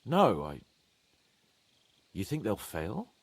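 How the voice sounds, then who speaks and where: A man's voice: lowish voice, huge pitch swings, takes it slowly, vocal fry, slightly rough, exaggerated voice. An actor playing a brash, boastful young nobleman who bristles at being treated like a child, bantering crudely. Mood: wry. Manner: crude, joking, loud banter. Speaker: game character. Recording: game audio with music underneath.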